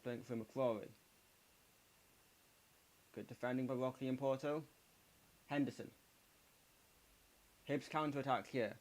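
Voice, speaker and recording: A man giving casual live play-by-play as a fan streamer, slightly croaky, cheering his side and scolding chat. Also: mid-range voice, a little mellow. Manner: partisan, addresses chat as "mate" and "pal", urges his team on. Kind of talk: casual live match commentary.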